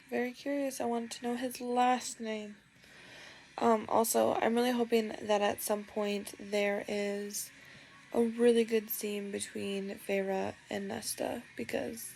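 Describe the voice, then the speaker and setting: A woman's voice: fairly high pitch, vocal fry. A young woman chatting casually as a book reviewer, gushing and emotional, with lots of "like" and "literally". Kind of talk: casual vlog chat.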